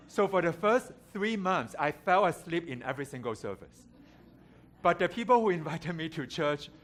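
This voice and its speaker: A man's voice: medium pitch, a bit bright, slight background noise. Candid Hong Kong-raised man preaching. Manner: candid, self-deprecating, with light humor. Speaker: guest preacher. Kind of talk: personal storytelling sermon. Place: church sanctuary.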